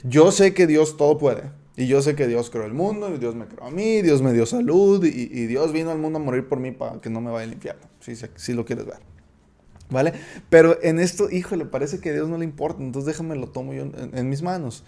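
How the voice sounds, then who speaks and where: A man's voice: medium pitch, lively intonation, vocal fry, warm tone. A man with a Mexican accent giving a casual Bible study talk. He speaks conversationally, often checks in with the listener and restarts his sentences. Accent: Mexican Spanish. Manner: conversational, checks in with frequent tag questions; halting, with repeated restarts. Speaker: Bible teacher.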